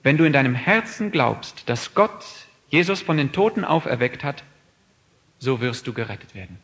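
A man preaching a sermon, earnest, asking his listeners questions and moving from quiet reflection to raised emphatic appeals. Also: medium pitch, expressive, normal speed. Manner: asks the listeners many questions.

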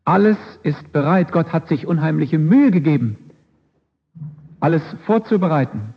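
A male preacher delivers a sermon with emphatic rhetorical questions and repeated refrains. His voice is somewhat high and husky. The recording sounds dull and lo-fi. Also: expressive, normal speed.

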